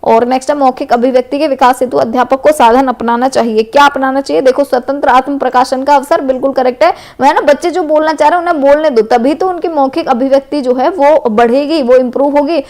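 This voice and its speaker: High-voiced woman teacher from Uttar Pradesh. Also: fairly even intonation, fast, hardly any pauses, a little mellow. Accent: western Uttar Pradesh Hindi. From Uttar Pradesh, India. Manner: explanatory, repeats "है ना" and "correct है". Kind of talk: exam MCQ revision lesson.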